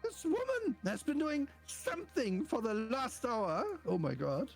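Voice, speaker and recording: A woman's voice: a little high, very animated, measured pace, gravelly, faint music behind, voice pushed up, heavily acted. Woman putting on a fussy, grumbling male neighbor. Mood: exasperated. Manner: theatrical, exasperated, gossipy. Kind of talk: reading game dialogue aloud.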